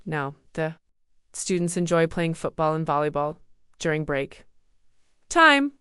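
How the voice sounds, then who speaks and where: A woman reading a storybook aloud for beginner English learners, slow, even and clearly spoken. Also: low-pitched, dry recording, studio quality. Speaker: storybook narrator.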